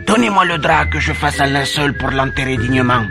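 A man's voice: medium pitch, gravelly, in a large hall, loud music behind the voice, lightly acted. A man voicing a cunning, playful master thief who talks slyly and theatrically. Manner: sly, theatrical, slow and solemn when disguised. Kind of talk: storybook character voice.

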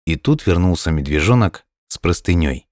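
A man with a very low voice narrates a children's storybook at a calm, unhurried pace. The recording is dry and intimate. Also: dry recording.

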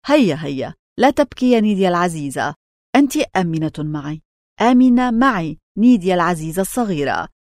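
A woman's voice: on the low side, sing-song, a little fast, a little mellow, no room sound, clean studio sound. A woman playing a kind, protective, rich young man in a storybook reading, speaking in an earnest, emphatic way. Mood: tender.

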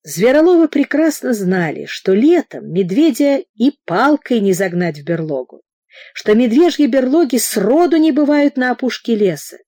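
A woman narrating a novel aloud in an expressive way, giving the characters voices of their own. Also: a little high, moderate pace, no echo, clean studio sound. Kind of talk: audiobook narration, reading a novel.

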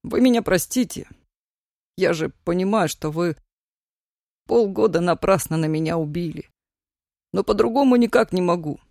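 A reader voicing a stubborn, earnest young Roma man who speaks slowly and weighs each word, in a storybook reading. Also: medium pitch, creaky, darkish tone, dry recording, clean studio sound, close to an everyday voice.

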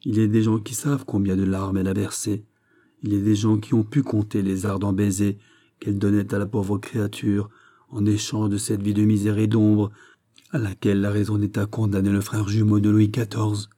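A man's voice: on the low side, flat delivery, moderate pace, mellow, close to an everyday voice. A man reading the part of an impassioned old duchess in an audiobook, pleading and insistent.

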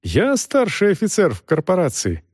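A man voicing a frantic, outraged mercenary captain who shouts in a high, indignant voice. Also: huge pitch swings, normal speed, breathy edge, no room sound, studio quality, exaggerated voice. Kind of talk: audiobook character voice.

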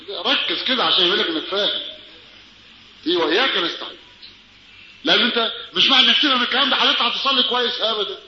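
A man with an Egyptian Arabic accent giving a religious lesson on prayer, animated and full of rhetorical questions to his listeners. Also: high-pitched. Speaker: preacher. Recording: dull, roomy recording with faint noise.

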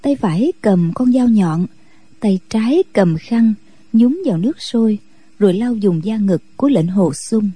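Woman reading a story on radio, really dark mellow tone, husky, dry close mic. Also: mid-range voice, expressive, measured pace, no room sound. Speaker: narrator.

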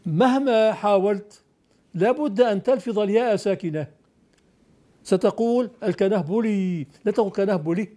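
A man with a notably high voice teaches a class on classical poetry. He fires questions at his students, then explains the rule firmly and recites the verses slowly and deliberately. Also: mellow.

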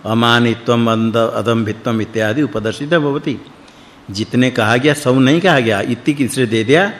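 A man's voice: mid-range voice, normal speed. Man giving a rambling scripture talk in a reverberant hall. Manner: rambling, repetitive phrasing with Sanskrit recitation. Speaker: spiritual teacher. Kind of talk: scripture discourse in Hindi.

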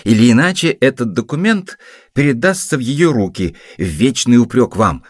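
Young male nephew, earnest and touchy, pitched up and very lively, as a male reader puts him on. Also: normal speed, no room sound, clean studio sound, natural voice. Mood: insistent. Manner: pleading, insistent.

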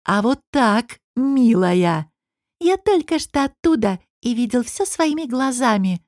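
A woman's voice: mid-range voice, normal speed, darkish tone, no room sound, lightly acted. Brief: a female narrator doing a mocking, irritable man, dry recording. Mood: sarcastic. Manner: growling, sarcastic. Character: male court official, irritable, mocking.

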